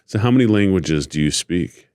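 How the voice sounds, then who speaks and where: A man's voice: low-pitched, expressive, moderate pace, darkish tone, dry recording, clean studio sound. A man, hosting a podcast and asking questions in a casual conversational way. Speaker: podcast host. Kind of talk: casual interview.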